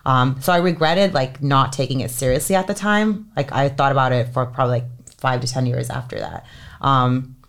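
Her voice is very deep and fairly quick. The speaker, a Finnish entertainment lawyer in her thirties, is a chatty podcast guest whose casual interview conversation is filled with "um" and "like."

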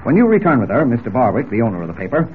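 An actor playing a brusque, bossy older newspaper editor in 1940s radio drama. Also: male voice, medium pitch, big pitch swings, rapid-fire, close to an everyday voice. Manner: blustering, brusque. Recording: tinny old radio recording, faint noise.

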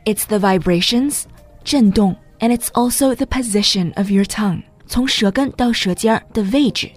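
A woman's voice: medium pitch, normal speed, soft background music. A woman teaching English pronunciation in a patient, step-by-step scripted narration, switching between two languages.

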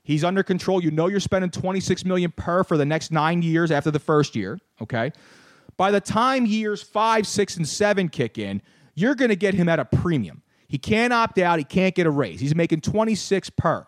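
A man in his thirties hosting a casual sports talk show, animated and ranting, often repeating words. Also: sits high, normal speed, dry recording, clean studio sound. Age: 30s. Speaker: podcast host.

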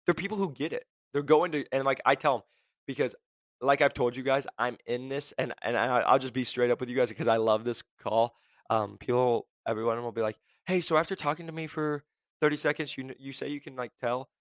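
A young man hosting a career podcast, blunt and high-energy, packed with "like" and "right?". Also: a bit bright, dry recording. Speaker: podcast host. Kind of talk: motivational career podcast talk.

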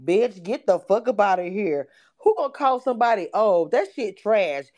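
A woman's voice: mid-range voice, animated, moderate pace, a little mellow. Blunt, profane woman host in her forties. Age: 40s. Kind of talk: casual live audio chat.

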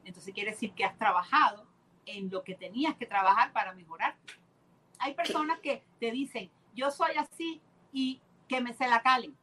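A woman's voice: fairly high pitch, moderate pace, pushed and bright, rough recording. A woman guest explaining her ideas earnestly and with enthusiasm in casual conversation.

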